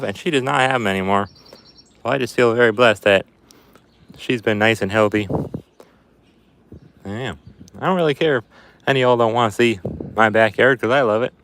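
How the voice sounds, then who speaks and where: A man's voice: medium pitch, fairly bright tone, slight background noise. A man chatting casually as a livestream host and reading out viewer comments, putting on a folksy Appalachian hillbilly accent to disguise his voice. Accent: put-on Appalachian hillbilly. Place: outdoors in a backyard.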